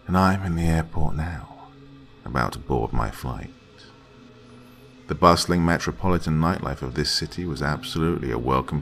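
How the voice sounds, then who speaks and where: Slow, dramatic storytelling from a man whose voice is deep and gravelly; he reads a scripted horror tale and drops to hushed whispers whenever things grow tense.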